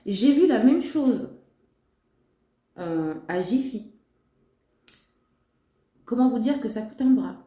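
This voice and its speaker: A woman's voice: fairly high pitch, animated, slow pace, long pauses, warm tone. A woman chatting in a casual shopping-haul vlog, gushing with enthusiasm and talking straight to her viewers. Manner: gushing, enthusiastic, repeats "trop" and "magnifique". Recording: echoey room.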